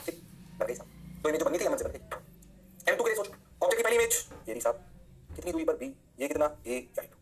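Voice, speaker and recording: A man teaching an energetic physics lecture, often answering his own questions in a student's voice. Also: high-pitched. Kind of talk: online lecture.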